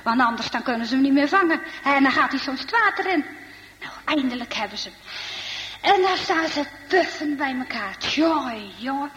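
A woman telling a story to children in a lively way, with many asides to her listeners. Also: high voice, moderate pace, big-room sound, slight background noise, poor audio.

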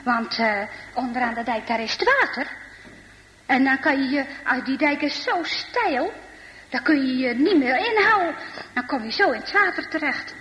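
Lively woman telling a children's story. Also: sits high, moderate pace, in a large hall, muffled recording. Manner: lively, addressing listeners with asides.

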